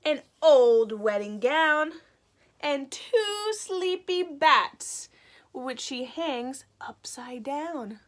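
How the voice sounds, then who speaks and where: With a high voice, a woman animatedly reads a picture book to young kids. She pauses like a teacher to give easy explanations of words.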